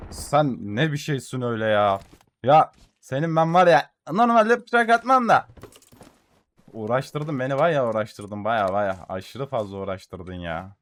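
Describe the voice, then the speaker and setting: A young man giving gameplay commentary for a mobile shooter, excitedly taunting enemies and muttering to his audience, with gunfire behind him. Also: mid-range voice. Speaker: gaming YouTuber.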